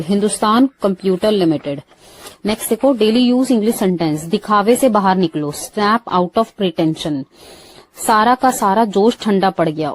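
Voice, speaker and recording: A woman with an Indian accent teaching English vocabulary, running through word lists quickly and saying the English phrases slowly and clearly. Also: mid-range voice, a little mellow. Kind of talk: vocabulary lesson for Hindi speakers.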